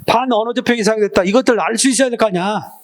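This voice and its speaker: High-voiced man lecturing a class. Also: very fast. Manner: banmal, quizzing students with short questions. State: throat irritated, clearing it often. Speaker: exam prep teacher. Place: classroom with students.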